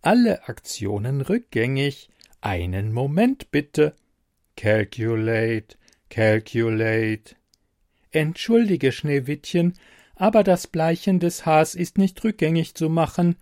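A man's voice: fairly high pitch, lively intonation, a little slow, darkish tone, dry recording, clean studio sound, pitched above the performer's own voice. A man voicing a polite, mechanical beauty computer that speaks in formal, stiff phrases in an audiobook reading. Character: bumbling female-addressing beauty computer, polite, robotic.

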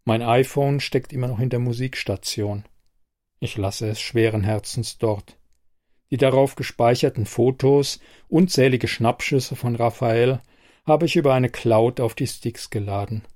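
A man narrating an audiobook in a steady, even reading voice. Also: mid-range voice, a little slow, no echo, studio quality. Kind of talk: scripted narration.

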